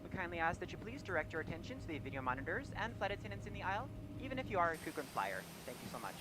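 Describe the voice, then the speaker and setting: A man voicing a flight attendant making a cabin announcement over the public address, muffled and brisk. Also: fairly high pitch, sing-song. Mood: routine.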